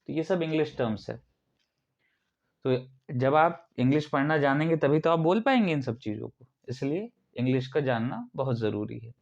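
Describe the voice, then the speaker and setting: A man's voice: mid-range voice, animated, moderate pace, gravelly, darkish tone, muffled recording. A male instructor from India giving a classroom lecture, explaining step by step and asking the class questions. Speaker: ITI instructor.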